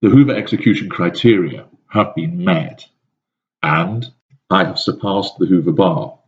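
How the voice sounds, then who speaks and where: A man reading a scripted first-person narration in a cold, calculating, measured manner. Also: sits low. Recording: dull lo-fi recording.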